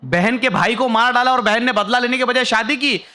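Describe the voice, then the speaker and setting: A man's voice: extremely high pitch, a little fast, bright, forceful tone. A young man performing a stand-up comedy set on stage, telling a story and acting out the other people in it. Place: stage before a live audience.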